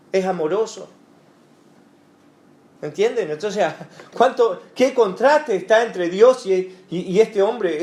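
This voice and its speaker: A man leads a Bible study in a church, speaking conversationally and leaning on fillers and rhetorical asides to his listeners. His voice sits high for a man, and the room around him rings with a clear echo. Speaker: pastor. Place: church hall.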